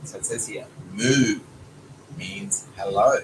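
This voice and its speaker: A man with a mid-range, slightly slow voice reads a children's storybook aloud the way a father would to his child, adding short asides. It's a noisy home recording with clear ambient sound and a young child close by.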